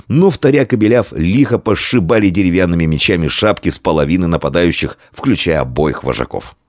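A man narrating a children's story with expressive reading. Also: deep voice, no room sound, clean studio sound. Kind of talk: audiobook narration.

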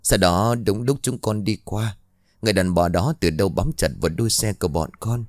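Man playing a mournful girl ghost, slow and pleading, low dry read. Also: no room sound, natural voice. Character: grieving young woman ghost, sorrowful.

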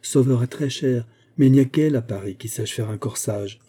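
A man's voice: mid-range voice, a little fast, dark tone, husky, natural voice. A man voicing an elegant society hostess who speaks with emphatic assurance. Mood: self-assured.

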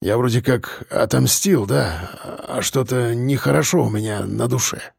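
A man voicing a rough, evasive middle-aged working man who grumbles and mumbles in halting speech. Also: mid-range voice, dry recording, clean studio sound, heavily acted. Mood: grumbling.

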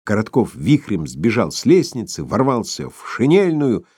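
A man reading a story aloud as narrator, expressive and dramatic. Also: lowish voice, moderate pace, slightly rough, dry recording, studio quality. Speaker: audiobook reader. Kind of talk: scripted narration.

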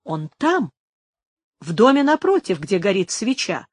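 A woman's voice: mid-range voice, very animated, a little slow, breathy edge, no room sound. A woman voicing a wary male yard worker who questions a stranger bluntly, in a story reading.

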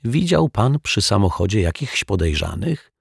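A man voicing a mild-mannered male detective who speaks calmly and with gentle reproach, in a storybook reading. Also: fairly low pitch, moderate pace, gravelly, slightly rough, dry recording, studio quality, heavily acted.

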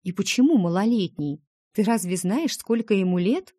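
A woman's voice: mid-range voice, animated, moderate pace, dark tone, dry recording, clean studio sound, voice pushed up, natural voice. A woman reading the part of a chatty, playful young heroine in an audiobook, wheedling her dragon friend.

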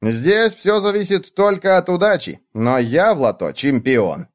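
A high, squealing little bedbug prince, voiced by a man in a children's storybook. He brags and teases with a lively, bouncing lilt. His voice jumps up and down and turns shrill and loud when excited. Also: a little slow. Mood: teasing. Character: mischievous boastful little bedbug prince, male.

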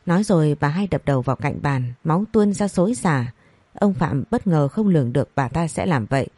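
A woman narrating a scripted story, reading each character's lines in the same even voice. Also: deep voice, a little fast, no room sound. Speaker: audiobook narrator.

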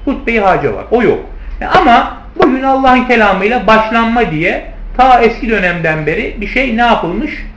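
A male theology teacher lectures to his class and calls them his friends. He poses rhetorical questions and answers them himself, in a high voice that swings widely in pitch. The recording sounds roomy and a little dull, with faint noise behind him. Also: expressive, normal speed, a bit bright. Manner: addresses listeners as friends. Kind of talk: lecture on hadith commentary.

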